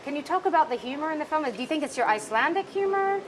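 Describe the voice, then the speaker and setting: A woman's voice: high-pitched, expressive, racing, background noise. A woman hosting an interview, asking questions in a friendly, leisurely way. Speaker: interview host. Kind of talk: interview at a film festival. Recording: crowd chatter behind.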